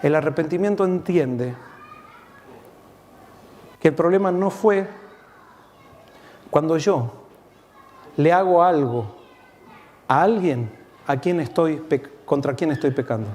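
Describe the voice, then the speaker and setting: A man preaching a sermon as pastor, earnest, swelling on key points and dropping low and soft when reading scripture. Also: takes it slowly, long pauses, in a large hall, a little hiss or hum.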